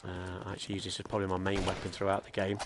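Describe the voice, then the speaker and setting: A man talks through a shooting game in a relaxed, chatty way, breaking off with fillers as he explains the controls. His voice sits a little low, and loud game gunfire and clicks rattle behind him the whole time. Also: racing, very noisy. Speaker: gaming video creator. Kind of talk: casual gameplay commentary. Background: loud gunfire and game sounds.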